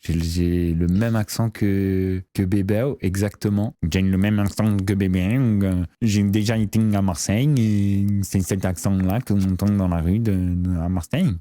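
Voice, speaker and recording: A man's voice: deep voice, fairly even intonation, moderate pace, few pauses, warm tone, no room sound. A young man hosting a casual interview, blunt and teasing, poking fun at himself. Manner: teasing, blunt, self-mocking. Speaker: host interviewing a candidate.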